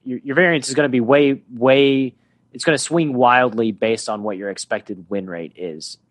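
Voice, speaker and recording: A man hosting a podcast interview, asking questions in a relaxed conversational way. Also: medium pitch, moderate pace, no echo. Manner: conversational, asks leading questions. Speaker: podcast host.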